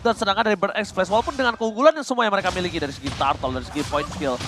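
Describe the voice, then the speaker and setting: A very high-voiced Indonesian man calls an esports match like a hyped fighting game announcer. He talks fast in a live play-by-play style, with music playing behind him. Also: fairly bright tone. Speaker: esports match commentator (shoutcaster).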